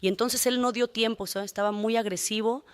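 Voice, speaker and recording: A woman's voice: fairly high pitch, steady tone, fairly quick, clean tone, no echo, clean studio sound. A woman testifying as a defendant in court, giving a long, detailed account and often adding tag questions.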